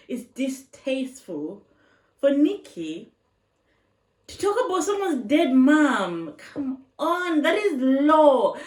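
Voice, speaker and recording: A woman vlogger reacts to online videos with casual opinion commentary, speaking emphatically, repeating her points and asking rhetorical questions. Her voice sits high, and she's recorded from a distance, a bit off-mic with a roomy echo.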